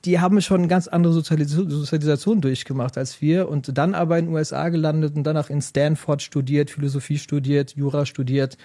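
A man's voice: on the high side, fairly quick, few pauses, no echo, clean studio sound. A middle-aged man from Germany, an author telling stories and explaining ideas in a conversational interview. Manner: animated storytelling, explanatory. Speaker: guest.

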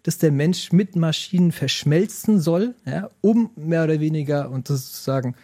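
Middle-aged German-born male author, animated explainer, mellow voice, dry close sound. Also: on the high side, moderate pace, no echo. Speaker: guest. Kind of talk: conversational interview.

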